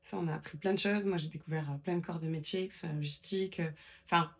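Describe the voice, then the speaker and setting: A chatty woman telling her story in a relaxed interview, with a slightly low voice. She talks in a loose, conversational way, full of fillers and restarts. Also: fast. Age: 20s. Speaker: guest. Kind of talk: casual interview chat.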